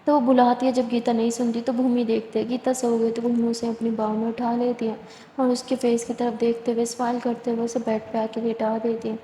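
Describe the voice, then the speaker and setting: Woman storyteller, fairly high, monotone, echoey room with long reverb. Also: slight background noise. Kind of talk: spoken story narration.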